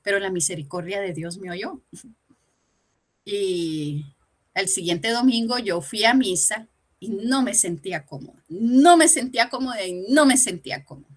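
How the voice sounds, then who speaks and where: A woman's voice: medium pitch, moderate pace. A woman giving a personal testimony during a church Bible lesson, telling her story animatedly and acting out the dialogue.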